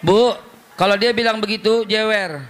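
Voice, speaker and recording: A man preaching a humorous sermon at a religious gathering, telling stories lively and acting out parents and children in softer voices. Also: sits high, moderate pace, slight background noise. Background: audience.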